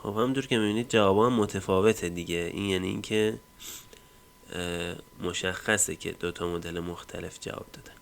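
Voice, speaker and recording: A tech tutorial host with a low, steady voice and vocal fry walks through a casual screen-recorded software tutorial step by step. His speech is full of fillers, and his lines tend to trail off at the end.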